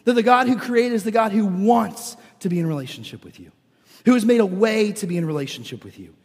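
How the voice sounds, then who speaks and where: An American man preaching to a congregation in an informal, earnest way, his voice froggy and hoarse from being under the weather. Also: high voice, expressive, a little fast. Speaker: lead pastor. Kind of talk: sermon to a congregation. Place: church, speaking live to congregation. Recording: reverberant large-room sound.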